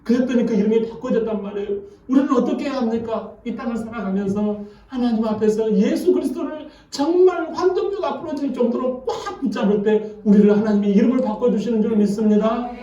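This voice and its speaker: A male pastor preaching a sermon, animated and asking the congregation questions. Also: very high voice, brisk, highs cut off, a little hiss or hum. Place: church sanctuary. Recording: echoey church from far off.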